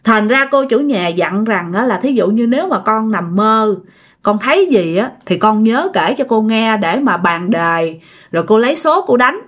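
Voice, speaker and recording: A woman with a Southern Vietnamese accent tells a ghost story casually and chattily, in a fairly high voice with lively intonation at a moderate pace. She addresses her listeners directly and repeats words to build suspense.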